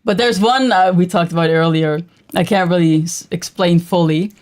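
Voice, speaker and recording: A woman co-hosting a casual livestream chat with her husband, blunt and quick to laugh, prone to exaggerating on a roll. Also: fairly low pitch, darkish tone. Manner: blunt, laughs easily, says she exaggerates when on a roll. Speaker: co-host of a couple's livestream.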